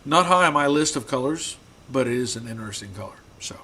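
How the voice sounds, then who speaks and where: In his garage, a man runs a live stream and answers viewer comments in a relaxed, halting way, often repeating words. His mid-range voice turns rough after long stretches of talking, and there's slight background noise.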